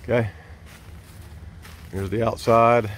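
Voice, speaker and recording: Taking it slowly, a vlogger with a fairly low voice and fairly even intonation walks viewers around his outdoor campsite and into his large tent. The handheld camera he films with records him through its own mic, with slight background noise. His folksy, easygoing talk is hesitant and peppered with fillers.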